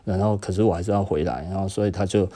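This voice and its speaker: A middle-aged man, hosting a podcast and casually telling stories from his own life, tagging his phrases with a drawn-out "hm" particle and chuckling as he goes. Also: low voice, dark tone. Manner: tags nearly every phrase with a drawn-out "hm" particle and chuckles often. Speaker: podcast host. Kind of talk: casual personal storytelling.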